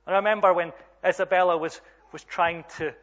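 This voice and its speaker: A man's voice: high-pitched, steady tone, a little fast, a bit bright. A man preaching a sermon, telling a story and rising to emphatic appeals, in a dull lo-fi recording.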